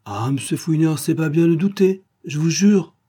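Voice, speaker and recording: A man's voice: medium pitch, animated, moderate pace, warm tone, slightly rough. A man voicing an eager streetwise boy errand runner who talks in slang. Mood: pleading. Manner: slangy, pleading.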